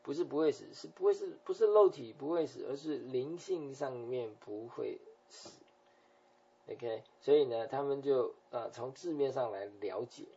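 Gravelly-voiced male pastor preaching. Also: medium pitch, normal speed. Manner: explanatory, with frequent softening tag particles. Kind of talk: sermon. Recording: dull lo-fi recording.

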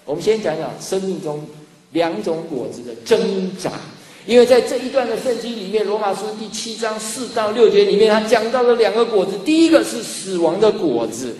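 A man's voice: high voice, a little fast, a little hiss or hum. A man preaching a sermon as pastor, telling stories animatedly and acting out dialogue. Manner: animated storytelling, acts out dialogue. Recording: echoey hall with faint ambience.

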